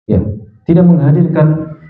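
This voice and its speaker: A man's voice: fairly high pitch, expressive, unhurried. A man teaching a religious study lecture, reciting Arabic verses and then explaining them, often tagging his sentences with "ya". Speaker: Islamic teacher. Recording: echoey, phone-like thin sound.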